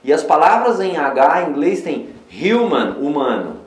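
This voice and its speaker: A man with a Brazilian Portuguese accent teaching an online English lesson. He explains patiently, slows down to model the English words, and keeps checking in with his students. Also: a little high, expressive. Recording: roomy echo.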